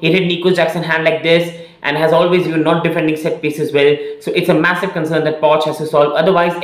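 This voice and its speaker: Young male channel host, fairly high voice, opinionated fan breakdown, echoey room. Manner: opinionated, earnest, repeats phrases with many "again" and "uh" fillers. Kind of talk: casual fan analysis to camera. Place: small room indoors.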